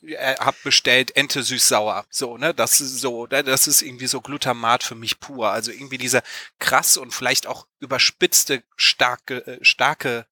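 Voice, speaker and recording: Musing man with a bright voice. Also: mid-range voice, steady tone, normal speed. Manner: musing and tentative, hedging often and restarting sentences. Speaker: podcast co-host asking questions. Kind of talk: casual podcast conversation.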